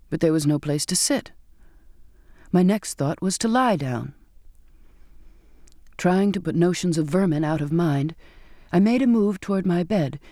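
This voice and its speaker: Man narrating a storybook, fairly high voice. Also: warm tone, no echo, clean studio sound. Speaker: audiobook narrator. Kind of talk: scripted first-person narration.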